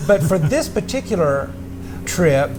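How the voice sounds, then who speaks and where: A middle-aged man hosting his own travel vlog chats casually and playfully with his father indoors, asking him questions. His voice is fairly high and very animated, and he speaks unhurriedly over a noisy background.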